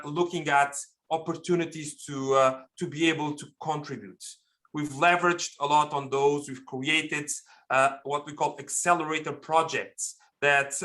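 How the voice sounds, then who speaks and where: A middle-aged Portuguese pharmaceutical executive answers interview questions as a podcast guest, explaining things emphatically. His voice is a little high, with a bright, forceful tone.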